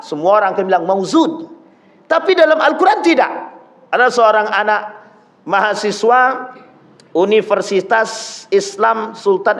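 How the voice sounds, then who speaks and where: A man delivering a sermon, with a high voice. He speaks straight to the congregation and slips into the voices of the people in his stories. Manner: addresses the congregation directly, acts out quoted voices. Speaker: preacher.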